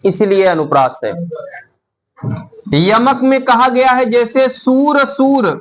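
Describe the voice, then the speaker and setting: A middle-aged man teaching a classroom lesson, explaining slowly and dictating notes for students to write down. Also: extremely high pitch, rough recording. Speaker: Hindi teacher. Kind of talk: classroom lecture.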